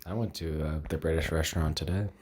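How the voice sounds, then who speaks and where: A man's voice: extremely low pitch, steady tone, fast talker, darkish tone, husky. A young man co-hosting a casual chat, laid-back and hesitant, often trailing off. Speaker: podcast co-host. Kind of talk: casual banter.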